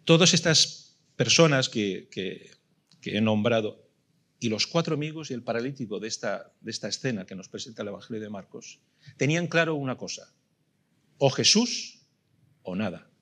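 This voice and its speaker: A man's voice: medium pitch, expressive, fairly quick, a bit bright. A middle-aged man with a Spanish accent from Spain preaching a sermon, emphatic and full of rhetorical questions that he repeats for weight. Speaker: pastor.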